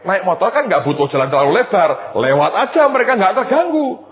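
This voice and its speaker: A male pastor preaching a sermon, telling a personal story with lively quoted voices and addressing the congregation directly. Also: high voice, a little fast. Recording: tinny phone-like sound with long hall reverb.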